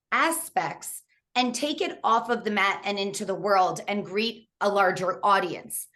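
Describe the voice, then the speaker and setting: A woman's voice: on the high side, fairly bright tone. A woman in her forties, a candid author and coach, telling her story with frequent laughs in a casual interview over a video call. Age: 40s.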